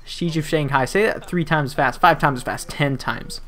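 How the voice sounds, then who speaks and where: A man's voice: on the high side, moderate pace, a bit bright. Chatty young man, gaming voice-over. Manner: rambling and chatty, with frequent fillers and restarts and playful asides. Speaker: gaming YouTuber. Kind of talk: casual gameplay commentary voice-over.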